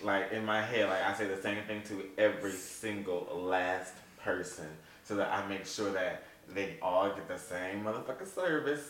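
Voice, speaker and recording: Casting: fast-talking Southern US man, bright tone, recorded off-mic in an echoey room. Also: deep voice, recorded from a distance. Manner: fast-talking, laughs often. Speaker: podcast co-host. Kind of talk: casual chat.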